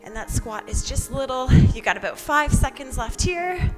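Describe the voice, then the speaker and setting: A woman's voice: high voice, expressive, normal speed, soft background music, rough recording. A woman leading a workout as instructor, encouraging and counting down cues while exercising along. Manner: exerting herself while talking, exercising along.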